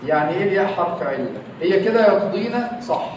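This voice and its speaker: A man's voice: high-pitched, lively intonation, fast talker, a little mellow, slight background noise. A man with an Egyptian accent teaching grammar in a classroom, quizzing his students again and again. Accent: Egyptian Arabic. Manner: quizzing students with repeated questions. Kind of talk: classroom lesson. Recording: echoey classroom, distant, dull lo-fi.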